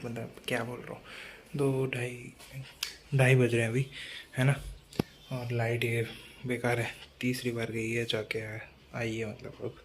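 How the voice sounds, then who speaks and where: Male vlogger, monotone, loose chatty self-corrections, phone-recorded outdoors with heavy noise. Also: medium pitch, gravelly. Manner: rambling, self-correcting, chatty asides to viewers. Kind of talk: casual solo vlog chat. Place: apartment balcony in rainy weather. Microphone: phone camera. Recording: loud background noise.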